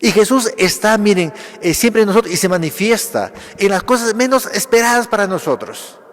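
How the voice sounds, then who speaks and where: A man's voice: high voice, lively intonation. A man, a Capuchin priest, preaching a Sunday homily, asking rhetorical questions and answering them himself in short phrases. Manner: speaks in short phrases with pauses. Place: church. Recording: long church reverb.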